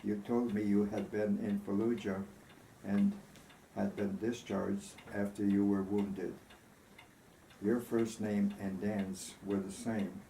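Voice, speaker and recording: A man's voice: on the low side, level tone, slow, gravelly, dark tone. A man reading the part of a tender, grieving woman who recalls her lost love, earnest and reflective, in a storybook reading. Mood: tender, wistful. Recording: roomy echo, faint background noise.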